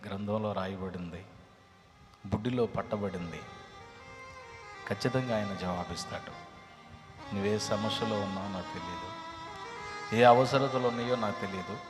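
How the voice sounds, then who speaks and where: A man preaching a sermon. He tells stories dramatically and swings from hushed tones to loud ones. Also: on the low side, moderate pace, long pauses. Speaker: pastor. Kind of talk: sermon with storytelling. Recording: reverberant hall with music behind.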